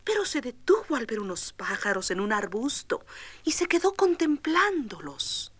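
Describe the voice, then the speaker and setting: A woman narrating a children's storybook record, expressive and tender. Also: a little high, moderate pace, no room sound.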